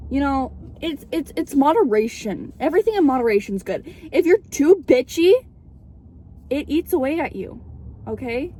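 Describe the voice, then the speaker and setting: Candid young woman chatting, mellow but high-pitched. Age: young adult. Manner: candid, sweary, theatrical. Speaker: vlogger. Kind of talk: casual car vlog chat. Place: inside a car. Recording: background noise inside a car.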